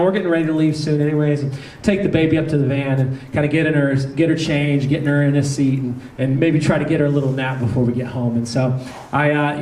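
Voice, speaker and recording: Man, pastor, from the South, high voice, humorous animated sermon, roomy hall. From American South. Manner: animated, humorous storytelling with asides to the congregation. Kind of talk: storytelling sermon. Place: church hall. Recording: roomy hall sound, mic at a distance.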